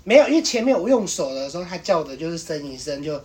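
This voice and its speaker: A man's voice: a little high, sing-song, fast talker, darkish tone. A young man, telling a candid personal story as a podcast co-host, rambling and breaking into embarrassed laughter.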